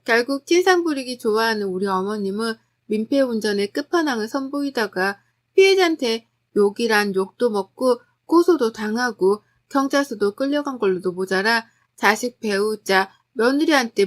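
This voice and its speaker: A woman telling a first-person family story as scripted narration, in a chatty, gossipy confessional way. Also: a little high.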